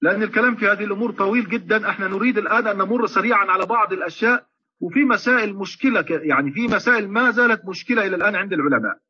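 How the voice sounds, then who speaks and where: A man gives an online recitation lesson, his high voice sharp and slightly husky. He explains at length, then slows down to chant example verses. The audio sounds muffled and lo-fi. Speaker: Quran recitation teacher. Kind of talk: online lecture in Arabic.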